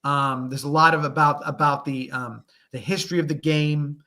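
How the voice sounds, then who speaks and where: A man's voice: fairly high pitch, steady tone, moderate pace, bright, forceful tone. A man co-hosting a casual sports talk show, speaking bluntly and emphatically, with frequent restarts as he builds an argument over a podcast microphone. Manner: emphatic, blunt, mimics golfers in quoted asides. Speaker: co-host.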